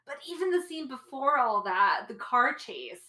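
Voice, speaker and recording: A woman co-hosting a podcast in relaxed casual chat, trailing off with fillers. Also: high voice, normal speed, echoey room. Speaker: podcast co-host.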